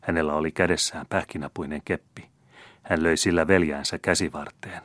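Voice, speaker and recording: A man narrating a classic novel as an audiobook in a measured, even way. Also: extremely low pitch, no room sound.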